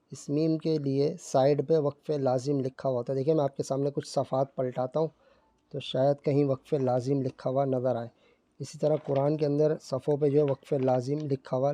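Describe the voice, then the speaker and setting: A man teaching Quran reading in Urdu, explaining patiently and reciting verses slowly. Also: on the high side, mellow, no echo. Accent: Pakistani Urdu.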